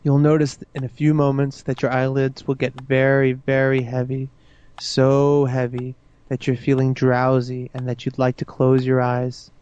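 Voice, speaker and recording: A man guiding a listener into hypnosis with slow, soothing, repetitive suggestions. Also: mid-range voice, monotone, darkish tone, smooth, highs cut off. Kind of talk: guided hypnosis induction.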